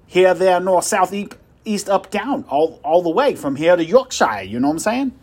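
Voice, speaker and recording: A man doing a loud, rude phone salesman. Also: a little high, sing-song, normal speed, breathy edge. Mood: pushy. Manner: loud, insulting hard sell.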